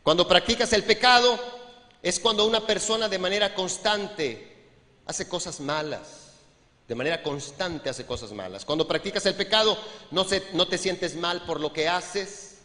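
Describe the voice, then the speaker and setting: A man's voice: high voice, normal speed, pushed and bright. A man preaching a sermon as pastor, conversational and joking, talking to the congregation and acting out little scenes. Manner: conversational, humorous preaching with frequent asides to the congregation; acts out little scenes with voices. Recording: long hall reverb from a church.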